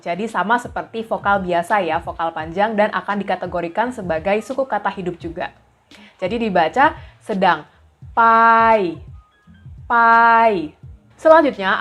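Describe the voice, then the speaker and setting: A patient woman teaching a lesson, her voice at an ordinary middle pitch. She explains each rule step by step and repeats example syllables slowly for learners to copy. Faint music plays softly under her voice. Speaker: language teacher.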